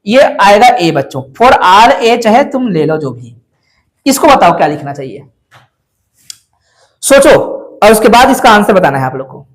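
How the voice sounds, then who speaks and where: A man's voice: sits high, very animated, moderate pace, pauses often. Male maths teacher, classroom lecture, keeps quizzing and coaxing the students. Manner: coaxing, questions students often. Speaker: math teacher.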